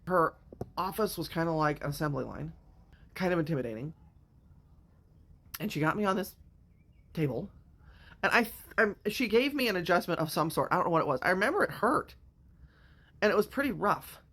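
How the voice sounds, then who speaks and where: A woman's voice: on the low side, expressive, brisk, long pauses, fairly bright tone. A woman in her fifties from the Midwestern United States, telling a personal story to camera in a candid, emotional and blunt way, with some swearing. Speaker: vlogger. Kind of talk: casual storytime monologue.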